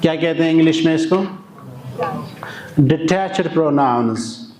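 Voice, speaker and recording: A man teaching an Arabic grammar lesson in a classroom, speaking slowly and deliberately and drilling words by repeating them. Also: fairly high pitch, darkish tone. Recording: echoey room.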